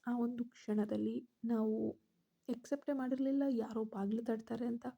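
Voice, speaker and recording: A woman's voice: a little high, level tone, moderate pace, gravelly, warm tone. A woman narrating a first-person story and voicing the characters' lines herself.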